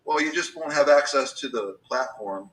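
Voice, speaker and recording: A man's voice: medium pitch, expressive, normal speed, fairly bright tone, distant mic, poor audio. A man in his fifties talking casually about business, rambling with many restarts and fillers. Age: 50s.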